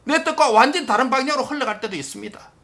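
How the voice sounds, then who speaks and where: A male pastor preaching a sermon with impassioned emphasis, addressing the congregation directly and dropping at times to a hushed near-whisper. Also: very high voice, expressive, rapid-fire, gravelly.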